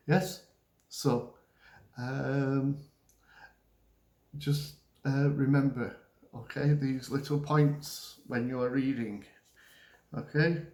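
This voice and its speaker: Slow, patient male English teacher. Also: mid-range voice, a little mellow. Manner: patient, repeats "okay?" after nearly every point; acts out example lines with rising and falling tone. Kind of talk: classroom lesson on reading aloud. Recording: echoey room.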